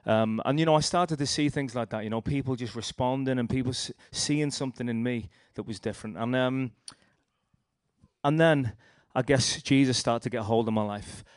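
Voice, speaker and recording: A man's voice: mid-range voice, normal speed, dry recording, clean studio sound. A young man with a Liverpool accent giving a rambling personal testimony, telling his story with restarts and acted-out quotes. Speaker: speaker sharing a testimony.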